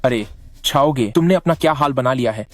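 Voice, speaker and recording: A man's voice: medium pitch, brisk, close to an everyday voice. A man playing a sheepish, excuse-making henchman.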